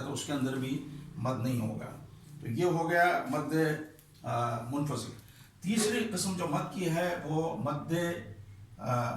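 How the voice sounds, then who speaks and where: A male teacher explaining the rules of Quran recitation. He talks patiently, repeats key terms slowly, and stretches vowels when demonstrating examples. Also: on the high side, heavy reverb, recorded from a distance.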